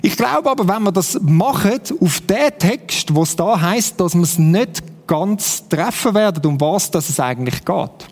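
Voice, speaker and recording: A man's voice: high voice, animated, measured pace, hardly any pauses. A man with a Swiss German accent preaching a sermon in a conversational way, often turning to the congregation with "oder?". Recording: long hall reverb.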